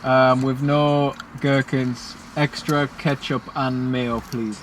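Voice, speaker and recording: A man, a husband and father, chatting in a relaxed, laid-back way in a car. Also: mid-range voice, slow, noisy background. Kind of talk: casual chat. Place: inside a car.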